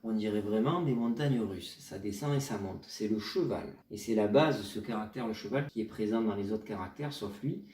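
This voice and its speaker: Guy explaining tones patiently, lowish dark voice, echoey room a bit far from the mic. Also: moderate pace, few pauses. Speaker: Chinese teacher. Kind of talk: pronunciation lesson.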